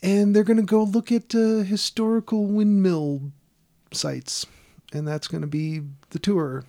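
A man with a high, steady, warm voice, speaking a little slowly, recaps a horror film on a podcast. The talk is casual and comedic, rambling and wry, full of fillers and laughter.

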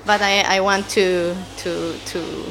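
A woman in her thirties with a Chilean Spanish accent speaks English slowly, often pausing to search for words. Her answers are casual and halting, full of fillers. Faint ambient noise sits under the recording. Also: mid-range voice, little pitch movement, a bit bright. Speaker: animator, interview guest.

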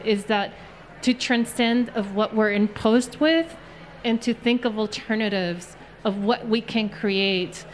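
A woman artist speaks on a live panel, recounting her work in an earnest, deliberate manner. Her pitch sits at an everyday middle height, and a faint hiss of background noise runs under her voice. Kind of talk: storytelling in a live panel talk.

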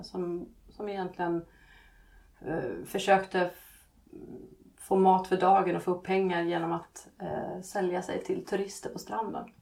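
A woman's voice: on the low side, vocal fry, a little mellow. A woman author, a guest on a podcast, answering questions hesitantly with many fillers.

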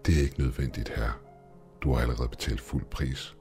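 A man's voice: very deep voice, steady tone, darkish tone, faint music behind. A man voicing a mocking, goat-legged male demon shopkeeper in a horror story. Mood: smug. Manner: smug, taunting, hissing.

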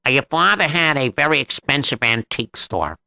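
A man's voice: mid-range voice, lively intonation, fairly quick, gravelly, sharp tone, smooth, dry recording, full character voice. A man voicing a greedy, scheming swindler who talks his way into a store and gloats over robbing it. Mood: wheedling. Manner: wheedling, gloating. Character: greedy scheming male swindler, smooth-talking.

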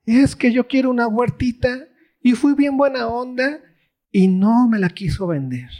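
A man's voice: very high-pitched, a little slow, a little mellow, pitched above the performer's own voice. A man voicing a spoiled, greedy king who whines and demands. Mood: whiny. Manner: whiny, demanding.

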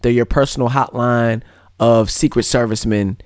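A man in casual podcast banter, animated and argumentative, his voice jumping up when he pushes a point. The sound is dry and close. He laughs often between his lines. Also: medium pitch, normal speed, no room sound. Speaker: podcast co-host.

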